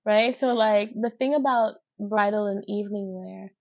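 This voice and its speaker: A woman with a New York accent, talking casually as a podcast guest about her work as a fashion designer, chatty and quick to laugh. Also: mid-range voice, muffled recording. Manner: chatty, laughs easily, quotes her own thoughts.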